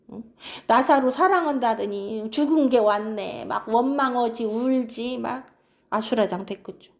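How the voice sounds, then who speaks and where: A woman's voice: high-pitched, darkish tone. A woman preaching an expository sermon, keeps prompting her listeners.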